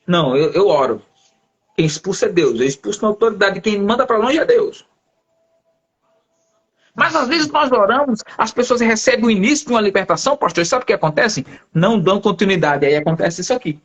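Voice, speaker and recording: A male pastor telling a lively testimony in a live conversation, acting out the voices of the people in his story. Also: high-pitched, brisk. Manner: lively storyteller who acts out quoted voices.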